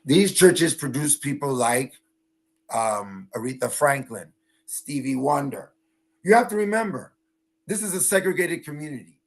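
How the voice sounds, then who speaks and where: A man speaks as a panelist at a virtual panel, an engineer and cultural rights advocate giving impassioned, explanatory advocacy. His voice is on the high side and animated but a little slow, and he stresses points while often checking in with the listener.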